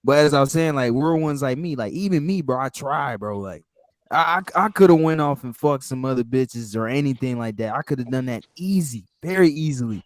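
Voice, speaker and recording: Man, medium pitch, casual chat, halting slangy delivery, repetitive, dry close sound. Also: animated, no room sound.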